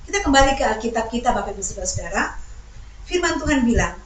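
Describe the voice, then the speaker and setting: A woman preacher giving a lively sermon, teasing the congregation and quizzing them with questions. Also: a little high, fast. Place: church hall. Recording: echoey church hall from far off.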